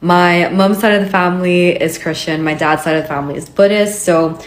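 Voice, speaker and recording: A woman's voice: fairly low pitch, steady tone, a little fast. A young woman from Hong Kong, a vlogger telling her personal story in a candid, chatty way with many fillers. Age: young adult.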